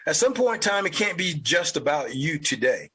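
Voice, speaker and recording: A man's voice: a little high, very animated, normal speed, sharp tone, breathy edge. A man with a Southern US accent hosting an opinion podcast, talking in a blunt, profane, ranting way. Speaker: podcast host. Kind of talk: opinion commentary.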